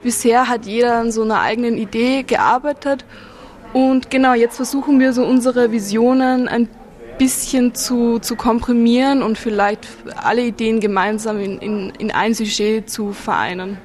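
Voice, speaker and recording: A woman's voice: a little high, steady tone, normal speed, darkish tone. A young woman from Vienna studying graphic design, searching for words as she explains.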